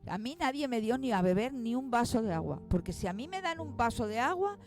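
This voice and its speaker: Lady in her 40s telling her story, emotional, acts out the voices, soft music behind. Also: a little high, very animated, brisk. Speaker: guest. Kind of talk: personal testimony.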